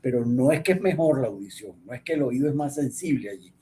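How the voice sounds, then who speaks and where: A man's voice: mid-range voice, lively intonation, fast talker, warm tone, a little hiss or hum. A man teaching an online class, explaining step by step, often checking in with the students, with frequent restarts and fillers. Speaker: instructor.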